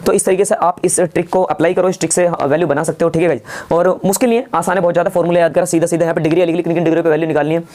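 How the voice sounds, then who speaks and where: A man teaching a math lesson online, often asking the listeners quick questions that he answers himself and calling them guys. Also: fairly high pitch, steady tone, darkish tone. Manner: rapid, quizzes listeners with rhetorical questions.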